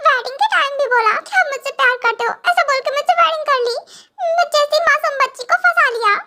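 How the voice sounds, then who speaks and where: A woman's voice: very high-pitched, lively intonation, moderate pace, bright, forceful tone, a little hiss or hum, heavily acted. A woman voicing a bubbly, naive young wife in a fan audio drama, giggling and whining in a childlike way. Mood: giggly, whiny.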